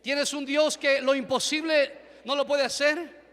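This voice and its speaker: A man with an Ecuadorian Spanish accent preaching a fervent sermon in a church, telling dramatic stories and building to shouts. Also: extremely high pitch, flat delivery, a little slow. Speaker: pastor. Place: church hall. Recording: echoey church hall.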